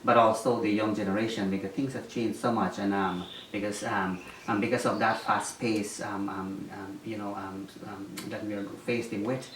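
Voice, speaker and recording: A man's voice: lowish voice, little pitch movement, normal speed, hardly any pauses, a bit bright. A man from Guyana answering interview questions, speaking hesitantly with many ums and restarts. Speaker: interviewee, former mayoral candidate. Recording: roomy echo, distant mic, faint noise.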